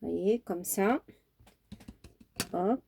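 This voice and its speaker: A woman's voice: medium pitch, drawn-out words, gravelly, mellow, a little hiss or hum. A woman chatting casually through a crafting tutorial at her home craft table, homely and talkative, with many fillers. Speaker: craft vlogger.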